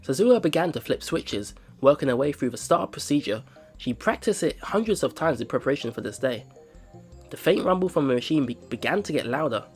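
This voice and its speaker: On the high side and fairly quick, this male let's play host reads game narration with lively intonation. He sprinkles in casual, exclaiming remarks, and game music sits in the background.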